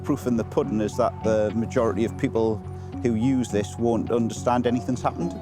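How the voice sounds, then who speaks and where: Flat-toned man explaining to camera. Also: mid-range voice, brisk, over music. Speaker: railway chief engineer.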